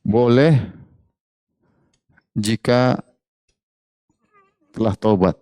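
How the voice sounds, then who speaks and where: A male Islamic preacher giving a religious study lecture, often putting questions to the audience and repeating key phrases in a lively, joking teaching tone. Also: fairly low pitch, drawn-out words, no echo.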